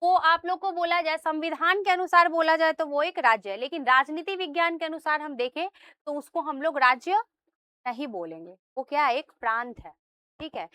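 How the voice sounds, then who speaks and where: Explaining step by step in a classroom lecture, a woman teacher frequently checks in with her students and asks them questions, then supplies the answers herself. She speaks at a moderate pace in a high, sharp voice, with no echo.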